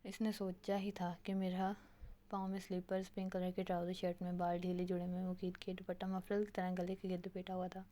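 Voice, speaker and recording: Woman reading an audio novel flatly. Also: fairly low pitch, a little fast. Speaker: novel narrator.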